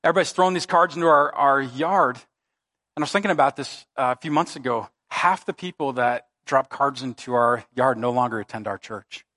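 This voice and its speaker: A man's voice: mid-range voice, a little fast, bright, forceful tone. A middle-aged man preaching a sermon as pastor, in an emphatic, conversational way, in a church. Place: church sanctuary.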